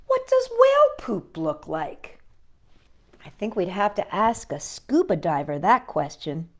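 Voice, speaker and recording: As host of a children's storytime, a woman reads a picture book aloud with chatty asides, playfully engaging young listeners and often posing questions. Her mid-range voice is very animated and unhurried.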